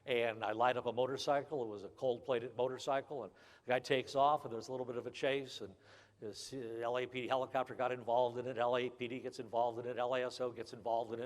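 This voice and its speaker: An older man giving a humorous graduation speech, folksy and emphatic, often repeating key phrases. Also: medium pitch. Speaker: graduation speaker. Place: large ceremony hall. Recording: long hall reverb.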